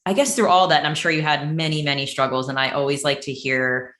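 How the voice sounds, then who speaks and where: Low-voiced chatty woman host, roomy echo. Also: fairly even intonation, fast talker, fairly bright tone. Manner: chatty, loose phrasing with many fillers. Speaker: podcast host. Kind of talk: casual interview chat.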